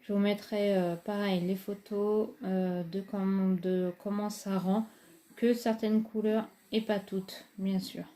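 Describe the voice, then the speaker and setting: A woman's voice: medium pitch, flat delivery, slow, dark tone. A woman, casually reviewing makeup palettes in a chatty, hesitant way with many fillers. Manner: enthusiastic about products. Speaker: beauty vlogger.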